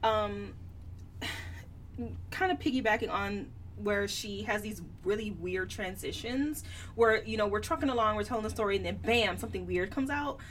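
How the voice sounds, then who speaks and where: A woman co-hosts a book podcast, talking casually in a candid, opinionated, colloquial way with a mid-range voice at normal speed. The mic is distant and there's background noise.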